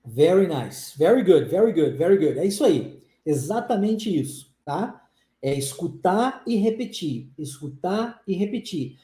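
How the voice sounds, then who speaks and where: An upbeat woman with a Brazilian Portuguese accent leads a casual English lesson over a live stream, answering comments and repeating phrases for her students. Her voice is mellow and dark in tone, and her middle-pitched speech rings with the echo of a bare room. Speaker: English teacher.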